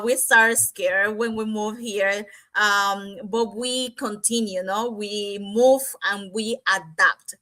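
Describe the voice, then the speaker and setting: A bright, lively Cuban woman with a medium-pitched voice speaks as a nurse on a discussion panel. She's animated but searches for words, restarting sentences and saying "you know."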